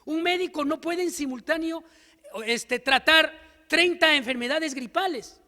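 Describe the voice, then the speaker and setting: High-voiced emphatic male lecturer. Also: a little slow, bright, forceful tone. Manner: emphatic, rhetorical questions, storytelling. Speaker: lecturer at a teacher seminar. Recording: long hall reverb.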